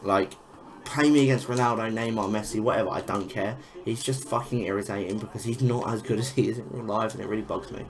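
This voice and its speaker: A man's voice: lowish voice, fairly even intonation, a crowd in the background. Young man, sweary gaming commentary. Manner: frustrated, swearing, quick exclamations. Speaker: gaming YouTuber. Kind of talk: casual gameplay commentary.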